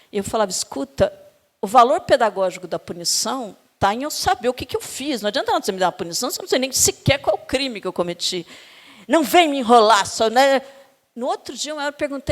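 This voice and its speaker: Brazilian woman lecturing in a reverberant hall. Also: a little high. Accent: Brazilian Portuguese. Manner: animated storytelling, acts out quoted dialogue. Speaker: university lecturer in education. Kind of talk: academic lecture with personal anecdotes.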